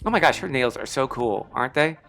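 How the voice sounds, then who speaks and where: A man's voice: medium pitch, lively intonation, fairly quick, gravelly, fairly bright tone. A man hosting a casual step-by-step craft tutorial, chatty and enthusiastic, with slightly impeded articulation from a sore tongue. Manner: chatty, enthusiastic, self-deprecating. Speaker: craft lesson host. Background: background music.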